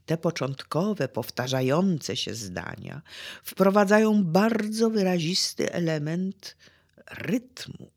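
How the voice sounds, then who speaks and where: Slow poetry lecture, lots of pitch swing, careful measured talk. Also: lively intonation, vocal fry, husky. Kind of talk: literary lecture with read-aloud verse quotes.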